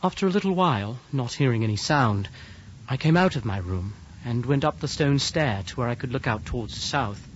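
A man's voice: medium pitch, expressive, fairly quick, breathy edge. A young man voicing a nervous young male clerk held prisoner, who narrates a radio drama in an earnest, increasingly fearful way. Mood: grave. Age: young adult. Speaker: narrator and lead character. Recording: dull lo-fi audio with music behind.

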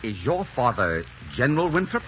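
A man acts the part of a bold pirate captain in an old radio drama, authoritative and commanding as he gives firm orders and teases his captives. His mid-range voice is sing-song and a bit bright, at a moderate pace. The old recording sounds hissy and muffled.

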